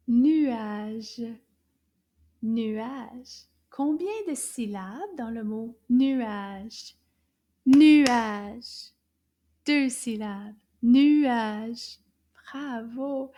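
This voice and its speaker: Woman, kids' language teacher, high voice, unhurried, sing-song, whispers for effect. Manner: slow, sing-song and encouraging, with sudden soft whispers. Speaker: French teacher for children.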